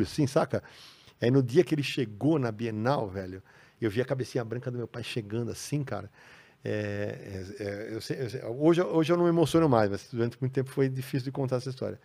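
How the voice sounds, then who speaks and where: A man with a Brazilian Portuguese accent, a podcast guest telling stories in a casual, animated way. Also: mid-range voice. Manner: animated, acts out quoted voices. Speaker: podcast guest, comics writer. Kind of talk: casual storytelling. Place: podcast studio.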